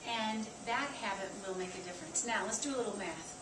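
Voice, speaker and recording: A woman dietitian giving a lively nutrition talk to staff, counting aloud and quizzing her listeners. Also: mid-range voice, a little fast. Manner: chatty, counts aloud and asks the audience questions. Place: staff meeting room. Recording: echoey room, from far off, noisy.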